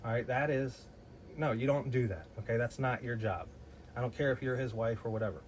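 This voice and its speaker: A man's voice: mid-range voice, a little fast, a little hiss or hum, poor audio. A man telling a personal story in a blunt, heated way, swearing freely and often restarting his sentences. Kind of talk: casual storytelling.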